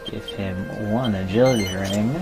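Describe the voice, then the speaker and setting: A male live streamer plays a video game and gives relaxed, casual commentary with dry asides, while game music plays behind him. His voice is lowish and steady, and he keeps a measured pace.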